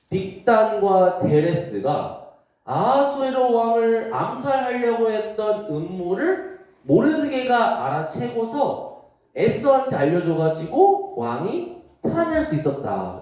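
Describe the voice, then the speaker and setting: A male Sunday school teacher telling a Bible story to children with lively asides. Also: high voice, a little slow, distant mic. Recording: echoey room.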